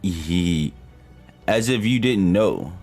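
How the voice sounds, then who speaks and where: A sinister captor, voiced by a man, gloats in a low, creepy register. He lets out sly, leering giggles. This is a game story read aloud. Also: expressive, a little slow, faint music behind. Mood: gloating.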